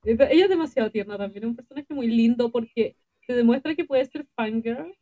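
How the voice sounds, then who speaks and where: A woman's voice: on the high side, fairly quick, mellow, no echo, lo-fi sound. A young Chilean woman in casual podcast chat, chiming in with short agreeing, slangy replies. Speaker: podcast co-host.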